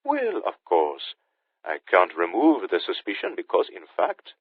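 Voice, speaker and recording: A man voicing a suave, menacing male Haitian sorcerer villain with a Caribbean-tinged British accent, speaking smoothly and mockingly over a phone line. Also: deep voice, wildly swooping pitch, unhurried, no room sound, full character voice. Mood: smug menace. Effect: phone line filter.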